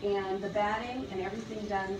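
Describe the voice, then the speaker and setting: A woman's voice: mid-range voice, fairly even intonation, a little fast, background noise. Woman, tour guide, informal explanations, distant microphone, echoey warehouse. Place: large indoor warehouse. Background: loud warehouse ambience.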